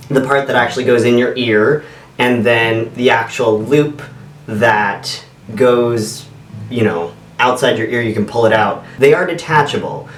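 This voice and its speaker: A man's voice: mid-range voice, a little hiss or hum. A man chatting casually as a channel host reviewing products, his voice echoing around a bare new apartment room. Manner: chatty, easygoing, sometimes digresses. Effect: big echoey room sound. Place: echoey, sparsely furnished room in a new apartment. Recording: roomy echo, mic at a distance.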